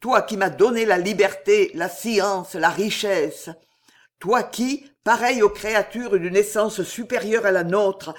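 A man's voice: sits high, measured pace. A man voicing a wealthy, mysterious count in a storybook reading, commanding and fervent. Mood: fervent prayer. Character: wealthy, mysterious male count, intense and generous.

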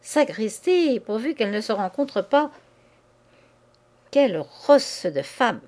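A woman's voice: on the high side, very animated, slow pace. A woman reading as a harsh, scornful young man. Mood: scheming. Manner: sharp, rough and impatient.

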